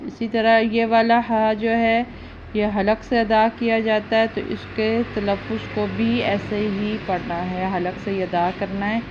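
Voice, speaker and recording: Female Quran teacher with a Pakistani Urdu accent. She drills syllables slowly, gives quicker explanations, and is heard on dull audio with faint hiss. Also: mid-range voice, level tone. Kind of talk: recitation lesson.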